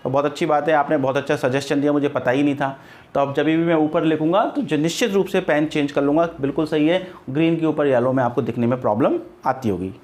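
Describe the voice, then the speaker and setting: A man from India teaches English grammar in an online lesson. His voice sits somewhat high. He is patient and repetitive, often spelling words out letter by letter. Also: quick pace, a little mellow.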